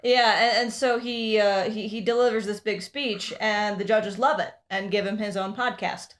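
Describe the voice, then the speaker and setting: A woman on a podcast talks casually at a middling pitch, often saying "yeah" and walking through the story in detail. She fills pauses with "uh" and "um" as she explains. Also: steady tone. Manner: agreeable, explains plot in detail, frequent "yeah" and "uh". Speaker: podcast co-host. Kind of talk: casual chat.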